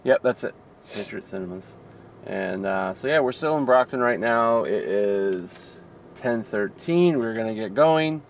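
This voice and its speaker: A man in his thirties co-hosting a casual road-trip vlog, chatty and excitable, filmed on a handheld phone in a car and an arcade. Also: on the low side, measured pace, a little hiss or hum. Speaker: vlog co-host. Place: inside a car, then a loud arcade. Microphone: handheld phone camera at arm's length.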